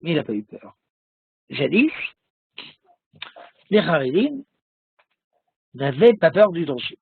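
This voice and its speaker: A man, a rabbi, giving a recorded religious lesson, telling a story slowly with many hesitations. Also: a little high, big pitch swings, creaky, husky, no room sound, narrow, tinny audio. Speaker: rabbi teaching a class.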